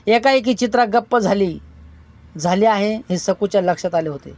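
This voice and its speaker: Woman reading a story aloud, steady. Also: medium pitch, moderate pace. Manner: steady, with small slips and restarts. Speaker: narrator.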